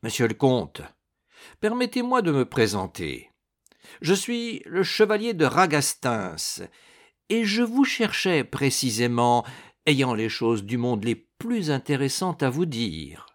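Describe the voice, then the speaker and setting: A man's voice: medium pitch, sing-song, slow pace. A man playing a swaggering male swordsman with a teasing, ironic manner. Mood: courteous.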